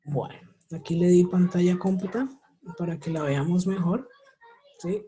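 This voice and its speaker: A Colombian man with a high, warm voice teaches an English class over a video call. He explains patiently, checks in with his students after nearly every point, and repeats example words slowly.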